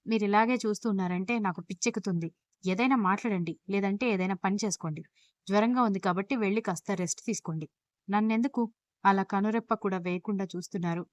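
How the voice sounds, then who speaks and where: A woman's voice: mid-range voice, fast talker, no echo, close to an everyday voice. A woman voicing a playful chatty young wife.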